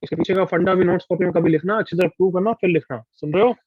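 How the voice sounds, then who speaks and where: An Indian-accented male teacher drills his online class over a call that keeps breaking up. The audio is dull and lo-fi, and the voice sits slightly high, in a dry, close sound. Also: very fast, husky, no room sound. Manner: scolding, checks that students follow. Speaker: math teacher. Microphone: video call.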